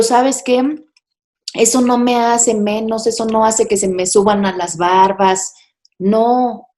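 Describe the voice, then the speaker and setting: A woman's voice: on the high side, dark tone. Candid middle-aged woman sharing testimony. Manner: candid, confiding, chatty with many fillers. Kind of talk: personal testimony talk.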